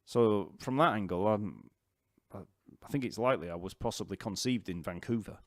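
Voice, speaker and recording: A man with a Yorkshire accent hosting a casual live-stream Q&A, chatty and rambling and quick to laugh. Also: on the low side, dry recording, clean studio sound. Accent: Yorkshire English. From Yorkshire, England. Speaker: bass teacher and channel host. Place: home, near an island festival site.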